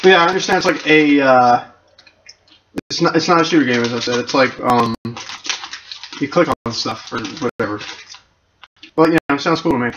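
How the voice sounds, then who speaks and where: A man's voice: mid-range voice, moderate pace, long pauses, lo-fi sound, noisy background. A young man casually commenting on a game he plays, rambling and chatty, eating chips as he talks. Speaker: let's play gamer.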